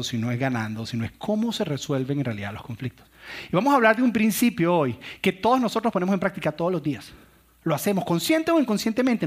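A man's voice: fairly high pitch, slightly rough. A middle-aged man, a pastor, preaching a sermon on family conflict and telling stories with acted-out quotes. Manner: storytelling with acted-out quotes and laughs.

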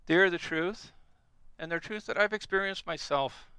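A man's voice: sits high, moderate pace, sharp tone, clean tone, dry recording, low-quality recording. A middle-aged man preaching a sermon, earnest and emphatic, repeating key phrases.

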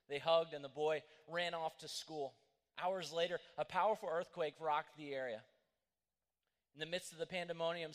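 A man's voice: on the high side, a bit bright, in a large hall. A man preaching a sermon, telling a story earnestly and often restarting his phrases. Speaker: pastor.

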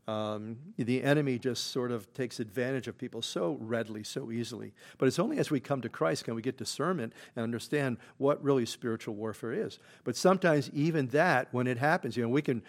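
A man preaching a midweek Bible study as pastor, talking in a loose conversational way with many fillers and restarts, and growing louder when he reads verses aloud. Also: mid-range voice, fairly quick, hardly any pauses. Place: church.

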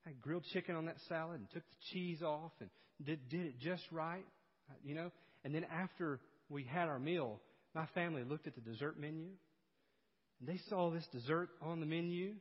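Man, pastor, sermon, storytelling, loud then hushed, dull sound. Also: moderate pace. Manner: storytelling, swings between loud emphasis and hushed low delivery. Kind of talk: expository sermon. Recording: dull sound with long hall reverb.

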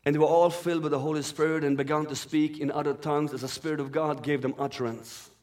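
This guest preacher, Farsi-speaking by birth, Iranian-born and Swedish-raised, reads scripture earnestly and fluidly during his sermon. His fairly high voice is steady and a little mellow, and he moves at a quick pace.

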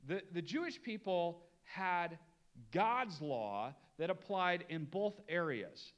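A middle-aged man delivers a sermon in a lively, swooping voice that sits slightly high for a man. He slows down and leans hard on key words, then hurries through the asides to his listeners. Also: muffled recording. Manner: animated preaching, drawn-out emphasis on key words. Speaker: pastor.

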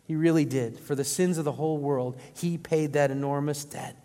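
A man's voice: a little high, fairly even intonation, moderate pace, dark tone. A male pastor preaching a sermon to his congregation, often asking them rhetorical questions. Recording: long reverb of a large hall.

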